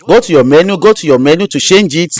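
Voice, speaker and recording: Man, high voice, repetitive step-by-step host talk. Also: expressive, fast talker, darkish tone, dry recording. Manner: repetitive, restarts phrases. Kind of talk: live-stream teaching.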